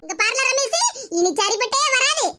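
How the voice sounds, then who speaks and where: A voice actor playing a scheming older village mother-in-law in a cartoon, gloating and scolding loudly. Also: very high voice, animated, moderate pace. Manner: gloating and scolding, loud complaints. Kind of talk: cartoon voice acting. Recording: loud background hiss.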